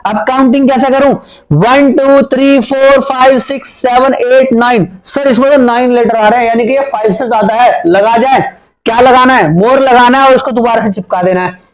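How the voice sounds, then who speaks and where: A man's voice: extremely high pitch, fairly even intonation, normal speed, low-quality recording. A man teaching a playful grammar lesson at a board, chatty and teasing his students, with a Hindi accent.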